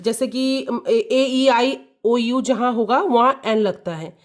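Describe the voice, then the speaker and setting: Slow, patient woman teaching. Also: a little high. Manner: repeats key words, checks "clear?" and "ठीक है". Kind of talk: explaining an English lesson to children.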